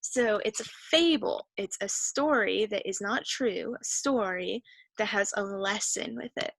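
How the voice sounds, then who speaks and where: In a reading comprehension lesson, a woman teacher works patiently through a worksheet, encouraging her students and thinking aloud as she hunts through the text. Her medium-pitched voice is unhurried and a bit bright, with vocal fry, in a dry recording.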